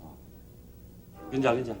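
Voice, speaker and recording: An actor playing a fussy, fretful father, talking in a quick, worried way. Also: music in the background, close to an everyday voice. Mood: fussing. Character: fretful father of the missing boy.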